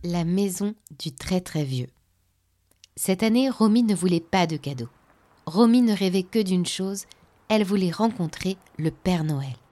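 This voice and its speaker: A woman reads a children's story aloud, clear and expressive. Her voice sits on the low side for a woman, and she narrates at an easy pace. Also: unhurried.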